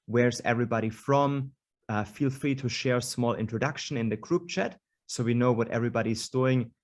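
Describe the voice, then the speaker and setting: A man's voice: medium pitch, brisk. A man hosting an online panel over a video call, introducing speakers with many hesitations and fillers. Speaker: host.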